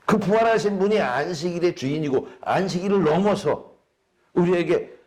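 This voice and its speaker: A man's voice: sits high, normal speed, a little mellow. A male pastor preaching a sermon in an emphatic way, asking the congregation rhetorical questions.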